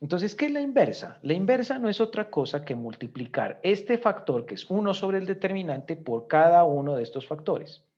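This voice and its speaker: Husky male teacher, lively explaining tone. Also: sits high, normal speed, few pauses, lo-fi sound. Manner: explanatory, often checks in with "¿cierto?". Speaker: economics teacher. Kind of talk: recorded lecture with spreadsheet walkthrough.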